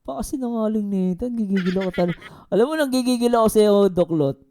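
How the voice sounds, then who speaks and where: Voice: mid-range voice, a little fast, mellow, a little hiss or hum. A vlog host reacting to a video clip, mocking and exasperated, full of repeated interjections. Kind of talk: reaction commentary.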